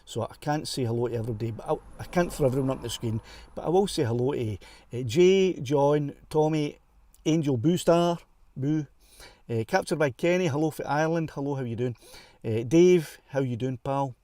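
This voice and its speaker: Chatty Scottish man with a mellow voice. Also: mid-range voice, normal speed, dry recording, studio quality. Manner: chatty and self-deprecating, laughs often. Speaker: livestream host. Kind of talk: casual live-stream chat. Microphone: clip-on wireless mic.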